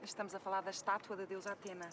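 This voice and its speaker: A woman's voice: medium pitch, level tone, racing, background noise, natural voice. An actress playing a patient, formally polite history professor from Portugal, explaining things to her daughter outdoors. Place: outdoors at an ancient site.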